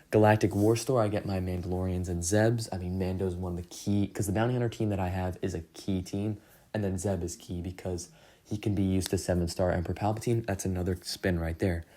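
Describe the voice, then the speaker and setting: A man's voice: deep voice, dark tone. A young man casually recapping his game progress, rambling and poking fun at himself. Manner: rambling, self-deprecating, many fillers. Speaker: gaming channel host.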